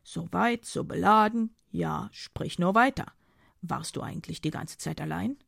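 A woman's voice: lowish voice, a little slow, creaky, fairly bright tone, breathy edge, dry recording, studio quality, exaggerated voice. Woman doing a smug, cocky male journalist. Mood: mocking. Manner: condescending, mocking banter.

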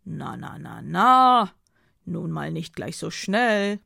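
A woman voicing a boastful, teasing male journalist who talks down to others in an audiobook, with a husky, gravelly voice. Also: fairly low pitch, animated, moderate pace, no echo, studio quality, full character voice. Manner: condescending, mocking banter.

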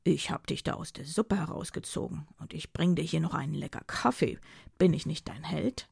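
A woman's voice: deep voice, normal speed, gravelly, a little mellow, husky, dry recording, clean studio sound, full character voice. Woman doing a smug, cocky male journalist. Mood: mocking. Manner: condescending, mocking banter.

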